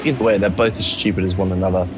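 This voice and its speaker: A man's voice: low voice, steady tone, racing, background noise. A man co-commentating a sim race, laid-back, teasing and sweary. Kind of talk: casual sim-racing commentary. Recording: music playing behind.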